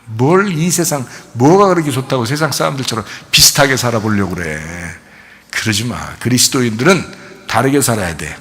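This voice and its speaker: A male pastor preaching a sermon in a conversational style, acting out quoted words gently and rising to loud emphatic outbursts. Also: mid-range voice, lively intonation, normal speed.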